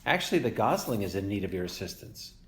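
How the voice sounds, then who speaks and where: A man reading aloud and voicing a friendly, cheerful female robot who speaks in a formal, even way. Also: fairly low pitch, fast. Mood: polite. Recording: roomy echo.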